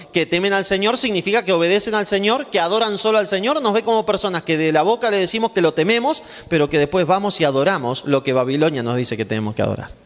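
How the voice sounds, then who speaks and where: A male pastor teaching a Bible class sermon, asking rhetorical questions and answering them himself, with emphatic repetition. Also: high voice. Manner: emphatic, repeating phrases for stress. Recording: long hall reverb.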